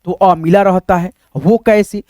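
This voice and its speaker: A male teacher giving a casual writing lesson, explaining slowly step by step and asking questions that he answers himself. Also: high voice, steady tone, dark tone, no echo, studio quality. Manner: explains slowly and step by step, says "friends" often, asks then answers himself.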